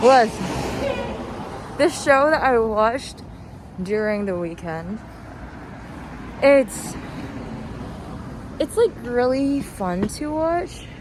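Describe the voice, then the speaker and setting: A chirpy, giggly woman of medium pitch hosts her own walk-and-talk podcast, rambling casually on her own as she strolls down a street. She halts often, leans heavily on "like," and chuckles between phrases. The outdoor recording is clear, with passing cars and urban street ambience behind her.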